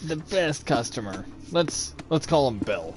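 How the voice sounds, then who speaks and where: A man's voice: medium pitch, sing-song, a little slow, music in the background. A man hosting a chat show, telling a casual story, swearing freely and laughing at his own jokes. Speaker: host.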